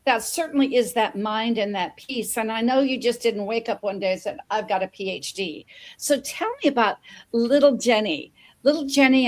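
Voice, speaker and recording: A woman hosting an interview show, enthusiastic and often repeating words as she introduces and questions her guest. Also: fairly high pitch. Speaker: host.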